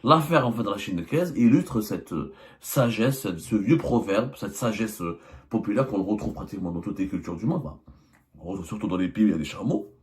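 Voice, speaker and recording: Speaking a little fast and animated, the low-voiced Algerian journalist runs a political monologue on his channel. It's emphatic and full of rhetorical questions, with hesitant fillers and false starts along the way.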